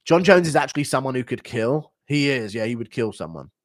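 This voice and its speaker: A sick man hosts a casual livestream, reading out donations with profane, mocking jokes. His pitch jumps around lively, and the sound is dry and close to the mic. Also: brisk, no echo. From United Kingdom. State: sick, unwell.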